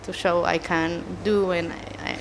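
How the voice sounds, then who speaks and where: A woman's voice: lowish voice, little pitch movement, a little slow, slight background noise. A woman from Chile with a Chilean Spanish accent, speaking English as a second language, answering interview questions hesitantly with many fillers. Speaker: animator, interview guest.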